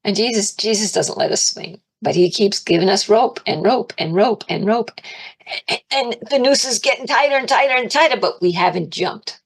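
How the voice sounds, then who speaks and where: A woman giving an informal, chatty sermon, animated, laughing often and raising her voice to act out her pleas to God. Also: medium pitch, normal speed, vocal fry, slightly rough. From Italian and Irish heritage. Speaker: spiritual teacher.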